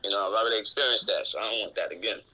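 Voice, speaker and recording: A man in his twenties, a guest on a radio show, answers interview questions in a candid, casual conversation. His raspy voice is fairly low, intensely bright and forceful, and he speaks rapid-fire, outspoken, open and reflective. The recording is rough.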